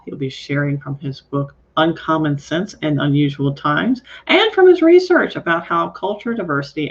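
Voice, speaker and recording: A woman's voice: low-pitched, breathy edge. Upbeat woman hosting, lo-fi audio. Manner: upbeat, inviting. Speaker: host. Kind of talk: live show introduction. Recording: dull lo-fi audio.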